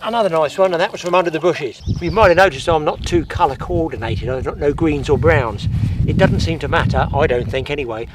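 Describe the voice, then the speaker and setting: A middle-aged man, talking casually while fishing at a lakeside and getting excitable when fish bite. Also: on the high side, brisk. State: out of breath. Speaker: angling presenter. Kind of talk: outdoor fishing demonstration. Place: outdoors at a lakeside. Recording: faint outdoor noise.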